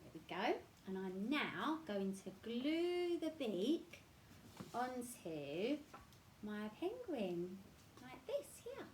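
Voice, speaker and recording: A woman leading crafts and storytime for very young children. Her voice sits fairly high and leaps all over the place, sing-song and very slow. A faint hiss runs underneath. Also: big pitch swings, reverberant. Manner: warm, sing-song talk aimed at small children. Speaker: children's activity leader. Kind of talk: craft demo and storytime for toddlers.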